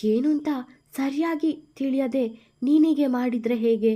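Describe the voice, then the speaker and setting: A woman's voice: high-pitched, measured pace, highs cut off, voice pushed up. A woman voicing a worried elder housewife. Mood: worried, coaxing. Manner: loud, coaxing, reasoning.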